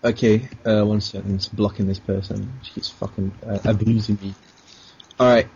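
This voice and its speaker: A man's voice: lowish voice, little pitch movement, moderate pace, vocal fry, a little mellow. A man chatting casually with strangers in an easygoing way, often laughing. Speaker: video chat stranger. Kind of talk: casual chat. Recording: dull lo-fi sound with faint noise.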